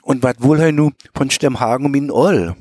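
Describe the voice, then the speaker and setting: Storyteller, male, strong Mecklenburg Low German accent, homely reading with small stumbles, dry close recording. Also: normal speed, a little mellow, no echo. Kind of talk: reading a memoir tale aloud.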